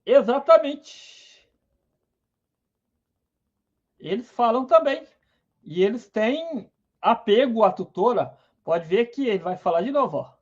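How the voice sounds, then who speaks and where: High-voiced man hosting a stream. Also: lively intonation, a little slow. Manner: enthusiastic, greets viewers by name. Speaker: live stream host. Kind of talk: casual live science talk. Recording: dull lo-fi stream audio.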